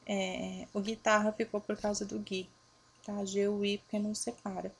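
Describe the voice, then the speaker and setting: A woman teacher, giving a recorded lesson to her pupils, patiently asking and answering her own questions and spelling out letters slowly. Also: medium pitch, level tone, gravelly, breathy edge. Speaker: primary school teacher. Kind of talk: recorded remote grammar lesson.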